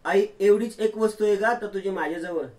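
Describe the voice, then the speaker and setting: A man's voice: a little fast, a little mellow, far from the mic, lightly acted. A man doing a weeping young woman. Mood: tearful. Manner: high, tearful pleading. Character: grief-stricken young woman, weeping and insistent.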